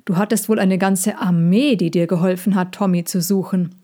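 A woman voicing a calm, soft-spoken male leader in a storybook, low and hushed. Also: normal speed, natural voice. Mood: quiet.

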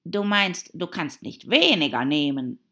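A gloomy, quarrelsome hatter speaks slowly and heavily, pressing on each word with loud sighs, as a woman puts him on in an audiobook. The voice is slightly husky. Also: sits low, sing-song, dull audio, heavily acted. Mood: smug. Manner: slow, emphatic, sighing. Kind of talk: audiobook character voice.

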